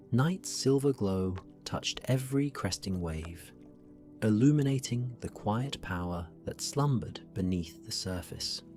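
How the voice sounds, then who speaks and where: Slow, low-voiced male sleep story narrator. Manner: slow, gentle, soothing, often falling near a whisper.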